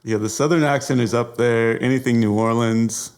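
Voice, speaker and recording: A man's voice: medium pitch, fairly even intonation, normal speed, darkish tone, clear, resonant tone. A man co-hosting a film podcast, making wry, teasing remarks in a casual chat. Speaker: podcast co-host.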